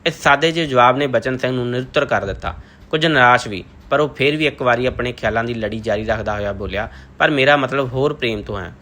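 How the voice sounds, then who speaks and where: A man narrating a novel aloud in a measured, literary reading style. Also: mid-range voice, bright, forceful tone. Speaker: audiobook narrator.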